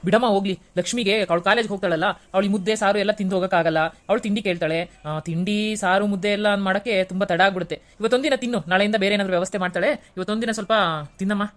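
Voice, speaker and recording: A young husband from a cartoon serial, played by a woman, speaking at a mid pitch and a brisk pace. He reasons gently and pleads to keep the peace at home. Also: natural voice. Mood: pleading. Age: young adult. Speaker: cartoon voice actor.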